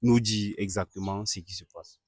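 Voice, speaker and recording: A man hosting a staged street-interview skit, questioning a couple and repeatedly urging an angry guest to calm down. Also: on the low side, moderate pace, no echo. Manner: keeps urging calm, repeats calming phrases.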